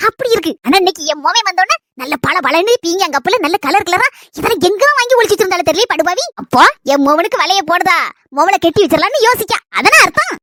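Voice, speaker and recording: A woman doing a shrill scheming village mother. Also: expressive, a bit bright, dry recording, studio quality. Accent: Kanyakumari Tamil. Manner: rapid, gossipy complaining. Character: scheming, fretful middle-aged village mother.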